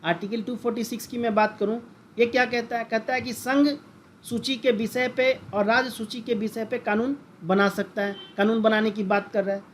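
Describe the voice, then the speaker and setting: A man's voice: sits high, steady tone, moderate pace, a little hiss or hum. A man teaching a lesson in lecture style, who keeps asking the class questions and repeating the key terms. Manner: addresses listeners as friends.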